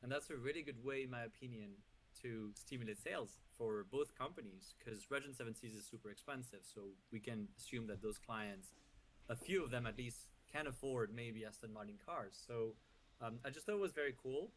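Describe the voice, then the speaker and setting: A man's voice: medium pitch, moderate pace, low-quality recording. A man co-hosting a casual podcast, giving his opinions and often repeating words as he explains. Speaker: podcast co-host. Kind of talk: casual industry news discussion.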